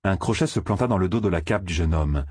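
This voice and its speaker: Deep-voiced man reading a story. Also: quick pace, a little mellow, husky, dry recording, clean studio sound. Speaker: audiobook narrator. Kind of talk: scripted narration.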